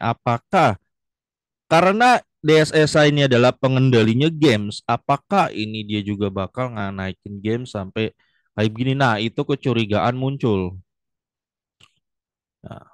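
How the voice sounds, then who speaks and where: A young man talks through the market in a casual, blunt way. He lectures the viewer like a friend, mid-pitched and recorded dry with no room sound. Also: dry recording. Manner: blunt, chummy, lecturing, calls the viewer John. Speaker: stock market commentator.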